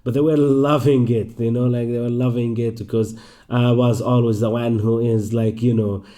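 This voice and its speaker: A young Palestinian man with an Arabic accent, an actor speaking thoughtfully in an interview, with some halting restarts. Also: mid-range voice, level tone, mellow. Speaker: actor and performer. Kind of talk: interview conversation.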